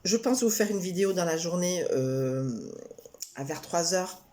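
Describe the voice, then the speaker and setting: A woman reading tarot cards in a casual vlog, talking in a rambling way with many hesitations and restarts, turning animated and giggly when she jokes. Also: on the low side, unhurried, a little hiss or hum. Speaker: tarot card reader.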